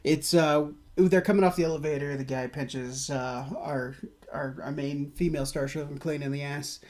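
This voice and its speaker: A man's voice: on the high side, fairly even intonation, normal speed, darkish tone. A man co-hosting a film podcast, laid-back and full of "like" and "you know". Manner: laid-back, filler-heavy, slangy. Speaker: podcast co-host. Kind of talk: casual film chat.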